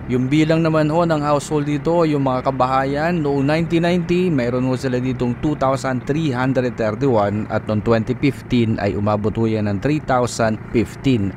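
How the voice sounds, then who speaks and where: A man's voice: mid-range voice, background noise. A man narrating a road trip in a polite, informative tone, reading out local statistics. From Philippines. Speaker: vlogger.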